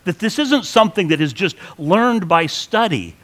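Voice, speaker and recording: A male pastor delivering a sermon in a loose, conversational way, restarting phrases as he goes. His voice is fairly high and bright, with lively, swooping intonation. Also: moderate pace.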